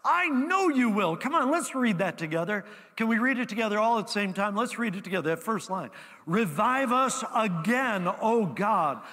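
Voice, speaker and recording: A man's voice: high-pitched, lively intonation, moderate pace, pushed and bright, big-room sound. A man preaching as pastor, emphatic and repetitive, leading his congregation in call-and-response. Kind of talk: sermon. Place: church sanctuary.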